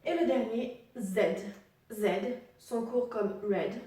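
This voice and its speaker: A woman teaching English pronunciation online, spelling out letter sounds slowly and patiently and putting questions to the viewer. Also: on the high side, mellow, far from the mic. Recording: very echoey room, voice set back from the mic.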